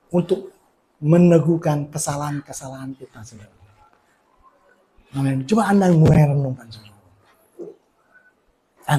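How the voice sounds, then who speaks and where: A man preaching a sermon as a pastor, who often ends his phrases with a quiet aside to the congregation and climbs into shouted emphasis. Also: on the high side. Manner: preaches with rising shouts and repeated "saudara" tags. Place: church.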